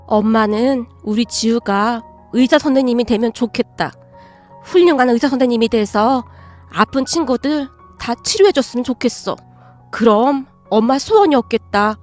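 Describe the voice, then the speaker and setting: A woman voicing a gentle, long-suffering middle-aged stepmother who speaks softly and soothingly, with slightly old-fashioned endings. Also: a little high, expressive, normal speed, faint music behind, lightly acted. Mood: tender.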